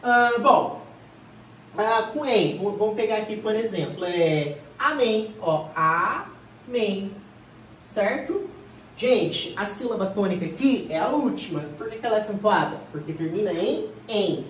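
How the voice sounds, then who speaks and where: A woman teaching a grammar class for an exam, who asks the class questions and answers them herself in a lively way. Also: mid-range voice, normal speed, slight background noise. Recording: echoey room, voice from far off.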